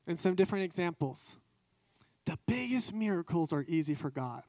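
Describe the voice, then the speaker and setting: A man with a fairly high voice preaches a testimony sermon with fervent emphasis. He drives his key phrases home by repeating them. The sound is dry and close, with no room echo. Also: animated, moderate pace, a little mellow.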